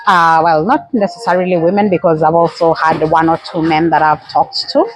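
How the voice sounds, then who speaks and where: A woman's voice: low voice, flat delivery, a little fast, soft background music, low-quality recording. Woman host chatting with a guest, easygoing, lots of uh and um. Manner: warm, encouraging, frequent fillers. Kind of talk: casual interview chat.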